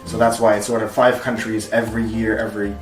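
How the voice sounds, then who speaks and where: A man with an American accent, a guest in a casual interview who talks in a relaxed, chatty way and laughs easily. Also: on the low side, quick pace, recorded from a distance. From United States. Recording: roomy echo with music behind.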